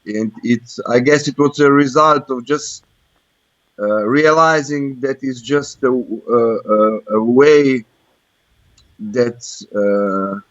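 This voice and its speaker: His mid-range voice is a bit bright and slow-paced, free of echo, though the internet call sounds dull and lo-fi. The caller, a Croatian-accented man, talks hesitantly about personal matters, often reaching for the right word.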